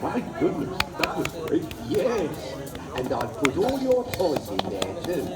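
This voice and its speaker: An actor playing a cheerful, helpful grown-up cartoon zebra in a children's cartoon, talking in a friendly, lively way. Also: male voice, on the high side, measured pace, recorded from a distance. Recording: roomy sound from afar, crowd noise.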